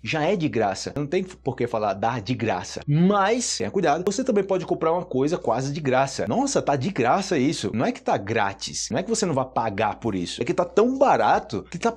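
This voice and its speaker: A man's voice: medium pitch, big pitch swings, brisk, hardly any pauses, husky. A man from Brazil with a Brazilian accent, teaching Portuguese in a chatty, casual online lesson, explaining with repeated examples and frequent tag questions.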